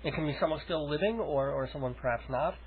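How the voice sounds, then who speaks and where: A man interviewing a guest on the radio, chatty and quick with teasing jokes. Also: on the high side, a little hiss or hum. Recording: narrow phone-like radio sound.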